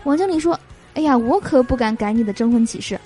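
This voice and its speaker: A woman hosts a show of spoken jokes in a high, animated voice that rises and falls a lot. She keeps a cheerful tone and laughs at her own punchlines. Faint music plays under her voice. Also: quick pace. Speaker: host. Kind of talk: reading jokes aloud.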